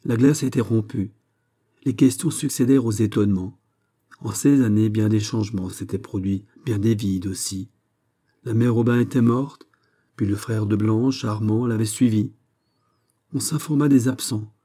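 Man, storybook narration, very dark mellow tone, lowish voice, measured reading. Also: steady tone, breathy edge. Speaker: audiobook reader. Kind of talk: literary narration.

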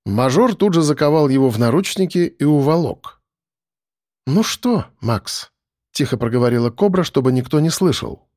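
A man narrating a first-person audiobook in a wry, lively storytelling manner. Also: fairly high pitch, fairly quick, dry recording, studio quality.

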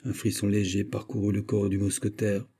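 A man reading a classic novel aloud in a measured, even way. His voice is deep, very dark and mellow, with a husky edge. The pace stays steady throughout. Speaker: audiobook narrator. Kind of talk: scripted narration.

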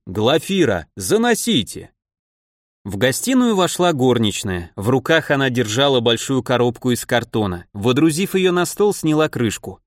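A man reading an audiobook aloud in an expressive, lively way. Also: medium pitch, moderate pace, few pauses, no echo, studio quality. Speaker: narrator. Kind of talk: audiobook narration.

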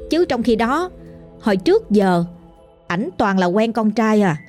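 A woman's voice: medium pitch, very animated, unhurried, a little mellow, faint music behind. A woman with a Southern Vietnamese accent narrating a ghost story in a chatty, colloquial way, addressing the listener directly.

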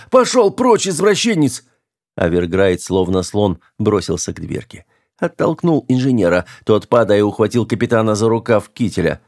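A man with a fairly low voice narrates a novel in a steady, matter-of-fact way. The recording is close and dry, with no room sound. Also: no room sound. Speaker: audiobook narrator. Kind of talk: audiobook narration.

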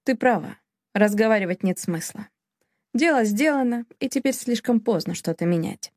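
Give me a woman voicing a proud, furious young husband from an audiobook romance. He speaks in a biting, commanding way, with a mellow dark tone. The recording is close and dry. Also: a little high, animated, moderate pace, dry recording. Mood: гневно.

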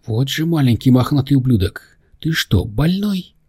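A man voicing a feisty, commanding young woman who shouts orders in an audiobook. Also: expressive, normal speed, breathy edge. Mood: suspicious. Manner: shrill, bossy.

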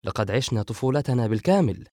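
A man's voice: medium pitch, expressive, fast, a little mellow, no room sound, clean studio sound, lightly acted. A man voicing a joking, sarcastic younger brother in an audiobook. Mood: wry. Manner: sarcastic, dismissive. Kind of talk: audiobook character voice.

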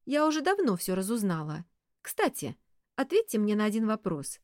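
A sharp-tongued young woman in an office, read by the narrator, defiant and quick with scorn. Her pitch leaps about a lot and the sound is close and dry, an audiobook reading. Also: very animated, no echo, close to an everyday voice. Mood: scornful.

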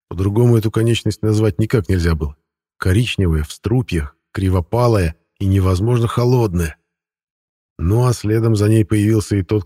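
A man reads a first-person fantasy audiobook in a wry, conversational way. His voice sits low with a husky edge, recorded close and dry. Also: dark tone, no room sound. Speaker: audiobook narrator.

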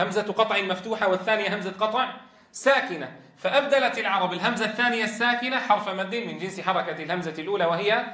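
High, bright-voiced male tajweed teacher. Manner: asks students questions and answers them himself; drags out example words slowly. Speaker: Quran teacher trainer. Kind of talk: tajweed lesson. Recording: echoey room.

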